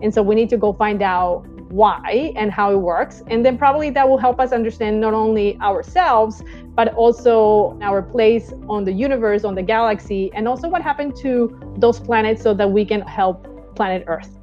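A Colombian woman in her thirties, whose first language is Spanish, speaks English with a Colombian Spanish accent as a space mission flight director in a recorded video interview. Seated in an armchair in a small indoor room, she explains eagerly, tagging lines with "right?", over a wired earbud mic on a video call. Her mid-range voice has a darkish tone at normal speed, with highs cut off and faint music behind.

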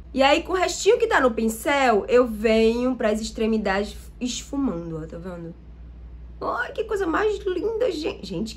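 A Brazilian woman doing a makeup tutorial, talking to viewers in an enthusiastic, chatty way as she tests the products. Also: fairly high pitch. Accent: Brazilian Portuguese. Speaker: makeup vlogger.

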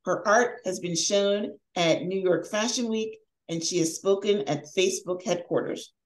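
Speaking from home over a video call, a middle-aged life coach who hosts a podcast reads her scripted introduction ahead of an interview. Her mid-range voice moves at a measured pace, upbeat and emphatic, but the audio quality is poor.

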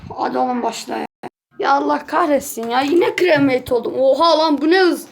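A woman hosting her own gaming channel, giving casual running commentary over gameplay, easily excited and quick to swear and yell at the game. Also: high-pitched, gravelly, soft background music.

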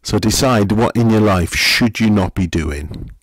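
A middle-aged man, a pastor, giving a gentle, conversational sermon full of questions to the listener. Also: on the low side, measured pace.

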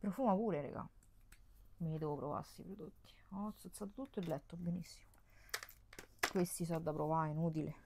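A young woman, talking casually at home on a bed. Her low, gravelly voice keeps up a lively, exclamatory chatter as she sorts through her makeup, reaching a camera mic with her face out of frame. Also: fairly quick, long pauses, a little hiss or hum. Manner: chatty, exclamatory, laughs often. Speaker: beauty vlogger. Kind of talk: casual chat while decluttering makeup. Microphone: camera mic, face off-screen.

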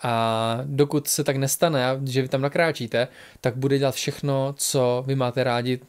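A man's voice: medium pitch, fairly even intonation, clean tone. A man narrating a fantasy fairy-tale audiobook, reading the heroes' dialogue and then addressing listeners directly.

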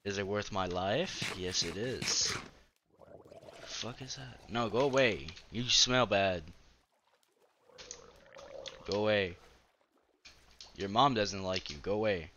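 A man giving casual gameplay commentary as host of his own gaming channel, excitable and profane, trash-talking and breaking into sudden yelps. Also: on the low side, slow pace, pauses often, slight background noise.

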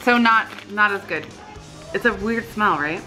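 A woman's voice: mid-range voice, measured pace, bright, forceful tone, poor audio. Casual woman vlogger, music behind. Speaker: vlog host doing a taste test. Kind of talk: casual chat. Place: living room couch, indoors. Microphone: camera at arm's length.

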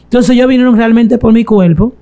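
A woman giving a slow, reflective confessional testimony in an interview. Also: a little high, mellow. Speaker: guest telling her testimony.

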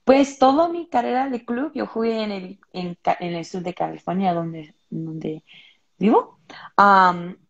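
Speaking from home over earbuds on a muffled video call, the Los Angeles footballer gives thoughtful interview answers with plenty of fillers and restarts. She sounds medium-pitched and gravelly, at a measured pace.

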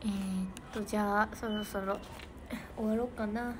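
A woman's voice: medium pitch, steady tone, normal speed. A young woman with a Niigata Japanese accent chatting casually with fans on a livestream, giggly and thanking viewers by name. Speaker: idol livestreamer. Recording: noisy background.

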